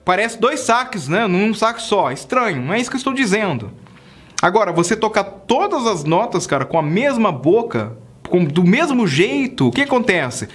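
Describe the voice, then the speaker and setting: A man's voice: sits high, sing-song, normal speed, slightly rough, soft background music. A man, teaching saxophone in a casual video lesson, chatty and constantly checking in with the viewer. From Brazil. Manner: chatty, checks in often with "tá?" and "cara".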